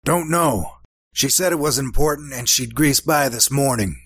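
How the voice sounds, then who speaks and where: A tough old-time detective in a radio parody. His voice is mid-pitched and closely dry. He talks in terse hardboiled slang. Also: normal speed, a bit bright, slightly rough, no echo. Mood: tough, businesslike. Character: tough, terse 1940s male private eye.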